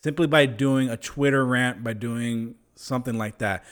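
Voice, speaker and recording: A man in a casual discussion who makes his case with examples, often pausing on fillers. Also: mid-range voice, fairly even intonation, fairly bright tone.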